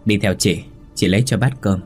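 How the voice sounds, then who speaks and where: A man's voice: fairly low pitch, normal speed, darkish tone, soft background music, close to an everyday voice. A man voicing a defiant young pregnant daughter-in-law who talks back in a ghost story. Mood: puzzled.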